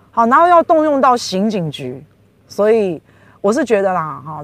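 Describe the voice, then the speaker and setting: A woman's voice: mid-range voice, no echo. A woman with a Taiwanese Mandarin accent hosting a political commentary podcast. She talks in an emphatic, indignant way, full of rhetorical questions. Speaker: podcast host.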